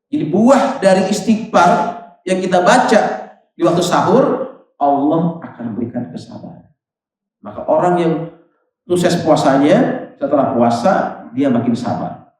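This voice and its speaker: A man's voice: fairly high pitch, darkish tone. A male Indonesian preacher gives a chatty Ramadan sermon, asking the congregation questions and acting out voices in his stories. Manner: conversational, asks the congregation directly; acts out quoted voices in the story. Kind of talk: Ramadan evening mosque sermon. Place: mosque prayer hall. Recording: very echoey mosque hall, distant mic.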